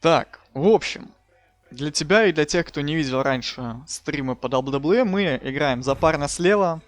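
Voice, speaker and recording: Hosting a wrestling game stream, this guy keeps up loose, slangy live commentary. His voice sits a little high and sounds expressive, moving at a normal speed.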